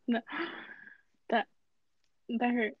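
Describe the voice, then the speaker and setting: A woman's voice: fairly high pitch, little pitch movement, very slow, dry recording. Flustered woman host on a dull mic. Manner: flustered, repeats "oh my god" and "hold on". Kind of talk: casual chat.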